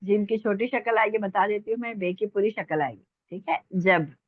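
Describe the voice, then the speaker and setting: A woman teaching an online Urdu class, patiently repeating words slowly for dictation. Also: mid-range voice, no room sound, narrow, tinny audio. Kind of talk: online language lesson. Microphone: online call.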